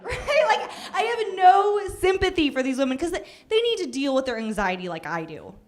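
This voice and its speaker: Very high, swooping woman joke teller. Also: very animated, normal speed. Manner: exasperated comic ranting, seeks agreement with repeated tags. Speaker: stand-up comedian. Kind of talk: stand-up joke telling with acted quotes. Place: live comedy stage with audience. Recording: live show, faint crowd.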